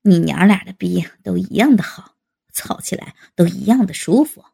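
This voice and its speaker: A woman voicing a brash, teasing middle-aged man in an adult audio story, dropping into a husky low voice. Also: lively intonation, normal speed, warm tone, exaggerated voice.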